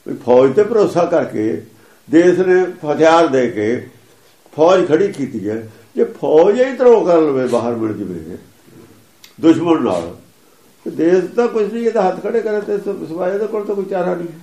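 A man preaches in a high voice, explaining scripture with emphasis. He chants and repeats the lines he quotes. The sound is roomy and echoing. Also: sing-song, moderate pace, mellow. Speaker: religious preacher.

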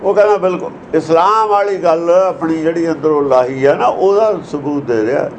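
A man's voice: on the high side, moderate pace, a little hiss or hum, low-quality recording. A man giving a religious discourse that explains verses, lecturing earnestly and asking many rhetorical questions. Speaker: preacher.

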